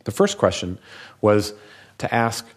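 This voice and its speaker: A physician with a very low, deep male voice gives a public talk, telling stories in a measured, reflective manner and taking his time over each thought. Even so, his delivery is very animated.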